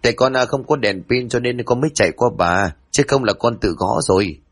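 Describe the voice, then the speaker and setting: A man voicing a cheeky, easily frightened young housemaid girl in a spoken ghost story, with shrill, excitable chatter. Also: fairly quick, lightly acted. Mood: cheeky, eager.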